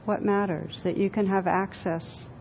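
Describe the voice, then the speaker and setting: A woman teacher leading a guided meditation for a group, speaking gently and unhurriedly, with pauses and repeated phrases. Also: mid-range voice, fairly even intonation, creaky. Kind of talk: guided meditation, then informal group discussion. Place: room with a group audience. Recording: dull lo-fi live recording, faint noise.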